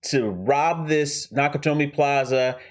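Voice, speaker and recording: A man's voice: a little high, a little slow. A middle-aged man hosting a casual film commentary, chatty and digressive with self-deprecating asides. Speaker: host and screenwriter.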